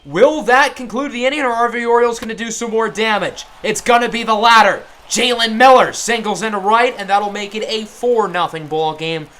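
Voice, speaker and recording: A young man giving upbeat, excitable sports-announcer style play-by-play over a baseball video game, recorded at a desk mic in a home setup. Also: high-pitched, a little fast, hardly any pauses. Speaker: gaming YouTuber.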